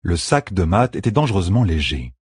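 Deep voiced guy reading an audiobook, slow, kinda husky, dry sound. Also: big pitch swings, no room sound. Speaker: audiobook narrator. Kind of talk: scripted narration.

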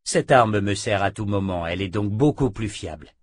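A man voicing a resolute young swordsman who explains calmly. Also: fairly low pitch, moderate pace.

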